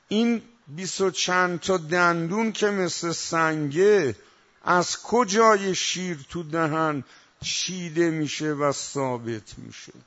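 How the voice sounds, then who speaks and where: A man giving a religious sermon, moving between quiet asides and loud, emphatic recitation. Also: a little high. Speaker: preacher. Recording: dull lo-fi recording.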